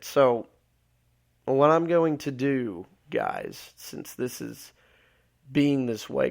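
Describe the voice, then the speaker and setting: Guy hosting his podcast alone, voice going raspy and tired, rambles with lots of uhs, gravelly. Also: medium pitch. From Alabama. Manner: rambling with many filler words. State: losing his voice. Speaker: podcast host. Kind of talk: solo live podcast talk.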